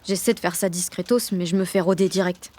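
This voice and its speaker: Her voice on the low side, steady, mellow and natural, a woman speaks fairly quickly as the narrator of an audio fiction piece. She plays a sixteen-year-old rebel, emotional and melancholy, telling it in the first person with blunt, slangy sarcasm.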